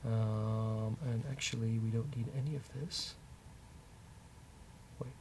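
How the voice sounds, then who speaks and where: A developer and show host runs a casual coding session, muttering hesitantly and thinking aloud as he works. His voice is fairly low, flat, and slow, with faint background noise in the recording.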